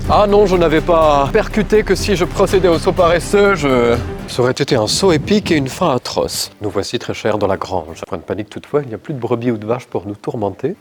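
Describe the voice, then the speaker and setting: Theatrical mock-pompous young man. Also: a little high. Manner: mock-pompous, theatrical old-fashioned French. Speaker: YouTuber host. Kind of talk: comedic vlog narration in costume. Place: castle grounds and rooms.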